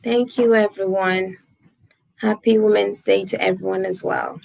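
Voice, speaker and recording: A woman's voice: mid-range voice, fairly even intonation, measured pace, vocal fry, darkish tone, dry recording, low-quality recording. A woman in her twenties, hosting a casual livestream, chatting with viewers, laughing often and thanking them by name. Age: 20s. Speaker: livestream host. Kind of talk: casual live chat reading viewer comments.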